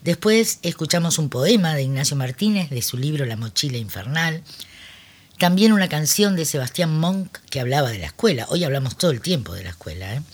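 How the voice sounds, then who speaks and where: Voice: medium pitch, very animated, brisk, slightly rough. A host of a children's radio program, wrapping up the show in a chatty, friendly way. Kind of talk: casual radio wrap-up.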